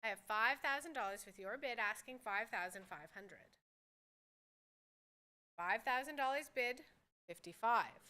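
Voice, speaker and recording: A woman's voice: fairly high pitch, animated, measured pace, long pauses, pushed and bright. A woman working as a fine art auctioneer, calling bids at a live sale in a formal, courteous way and repeating the figures.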